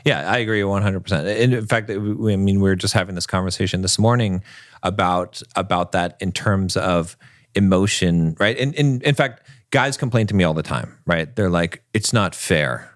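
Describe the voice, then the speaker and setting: A low-voiced man co-hosts a relationship advice podcast, speaking at normal speed and making emphatic points he keeps capping with "right?". The recording is studio quality with no room sound.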